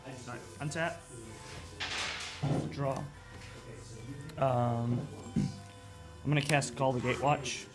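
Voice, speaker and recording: A man playing a card game, calling out his moves in a quiet, matter-of-fact way. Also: medium pitch, steady tone, slow pace, long pauses. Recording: music playing in background.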